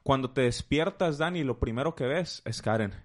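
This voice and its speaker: Lively Mexican man teaching with examples. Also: medium pitch, moderate pace. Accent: Mexican Spanish. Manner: animated, teaching with playful examples. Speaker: guest speaker.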